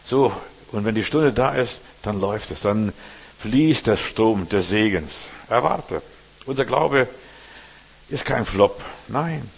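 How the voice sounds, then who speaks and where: A male pastor delivering a sermon with a husky, slightly rough voice. He drives points home by repeating them and drops suddenly to near-murmurs before rising again. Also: expressive, takes it slowly. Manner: preaching with emphatic repetition and sudden shifts between loud calls and low murmurs.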